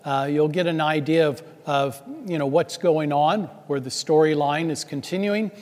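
A man's voice: a little high, steady tone, moderate pace, darkish tone. A priest reading the gospel and then preaching a loose, chatty homily in a large church, his voice carrying a long cathedral echo.

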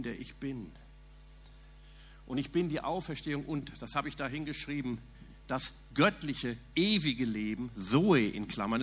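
A man's voice: mid-range voice, a bit bright, a little hiss or hum. A man preaching a sermon in an earnest, emphatic way, asking the listeners rhetorical questions.

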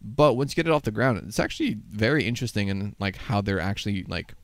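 On a podcast he co-hosts, a man chats casually about games, rambling with lots of fillers and casual swearing. He talks fast and expressively in a lowish voice. There is no echo.

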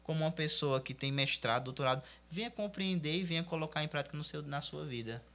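Brazilian pastor explaining with emphasis. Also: male voice, fairly high pitch, fast, a bit bright. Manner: explanatory, preacherly emphasis, many filler "né"s. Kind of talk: casual panel discussion.

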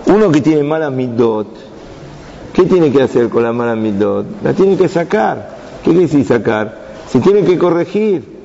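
A man's voice: medium pitch, animated, measured pace, vocal fry, dark tone, a little hiss or hum. A man teaching a Torah lesson to young students, asking the class questions and answering them himself. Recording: dull sound with long reverb.

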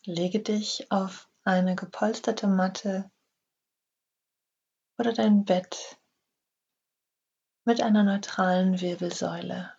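Breathy woman talking you thru yoga nidra, super slow, gravelly edge, kinda dull audio. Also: medium pitch, fairly even intonation. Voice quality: breathy, husky. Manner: slow, soft, half-whispered instructions. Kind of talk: guided relaxation meditation.

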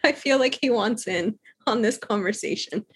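A woman's voice: a little high, normal speed, husky. A woman from Cuba, a guest on a casual video call, chatty and agreeable.

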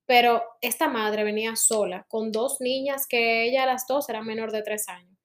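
A woman, co-hosting a casual chat and telling lively anecdotes. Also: fairly high pitch, moderate pace. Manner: lively, dramatic anecdotes, frequent affirmations. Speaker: podcast co-host, mother.

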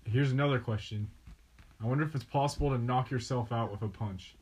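A young American man with a husky voice co-hosts a podcast in casual, musing, slangy banter, recorded on a phone with a cheap mic sound. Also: medium pitch, fairly quick, darkish tone, a little hiss or hum. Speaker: podcast co-host. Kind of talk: casual joking chat. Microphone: one shared phone.

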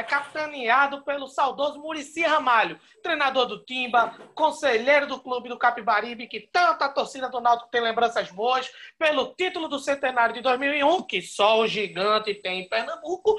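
Female co-host for a football history show, high and bright voice, conversational presenting. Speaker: podcast co-host. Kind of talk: sports history talk.

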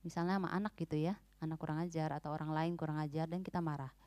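A woman with a fairly low voice teaches in an animated, emphatic way, dropping English words into her informal talk. Her voice sounds close and dry, with no room echo. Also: racing. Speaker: speaker at a church parenting talk.

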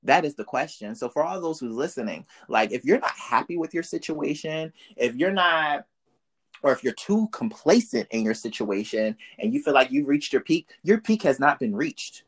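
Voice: mid-range voice, animated, moderate pace, husky. Podcast host, motivational and preachy, casual and faith-driven. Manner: preachy, uplifting, speaks of faith; casual slang, addresses listeners directly. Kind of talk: motivational interview talk.

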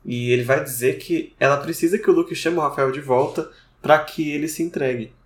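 A man's voice: on the high side, brisk. A man co-hosting a podcast, chatty and wry as he talks through a book's plot. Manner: chatty, wry asides, frequent "né". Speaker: podcast co-host discussing a book. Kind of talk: casual book discussion. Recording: roomy echo.

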